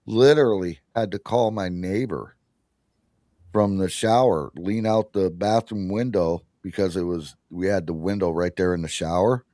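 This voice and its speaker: A man with a fairly low voice spins a long story for his podcast in easy, casual chat. He stops and restarts himself and laughs along the way. The sound is dry and close, with no room around it. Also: moderate pace, mellow, no echo. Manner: rambling, self-interrupting storyteller who laughs often. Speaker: podcast host.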